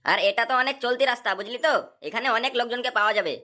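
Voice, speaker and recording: A woman carries a whole cartoon cast with a high, bright voice. She talks briskly and bossily, scolding like a traffic cop. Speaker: voice actor for all cartoon characters. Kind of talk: cartoon voice acting.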